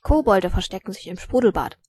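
A woman's voice: mid-range voice, lively intonation, a little fast, a little mellow, close to an everyday voice. A woman voicing a pale boy who insistently spreads gossip in a read-aloud story.

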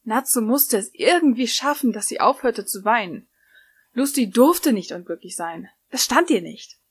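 A woman narrating a written story in an even, unhurried reading voice. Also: a little high, husky, no room sound. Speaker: story reader.

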